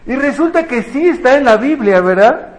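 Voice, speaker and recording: A man's voice: very high voice, animated, normal speed. A man preaching a conversational sermon, often asking the congregation rhetorical questions. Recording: echoey room, faint ambience.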